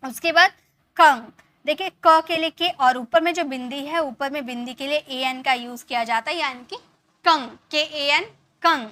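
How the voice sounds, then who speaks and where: A woman's voice: sits high, moderate pace, pushed and bright. A woman teaching an English spelling lesson, explaining patiently, repeating herself and asking many rhetorical questions. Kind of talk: classroom lesson.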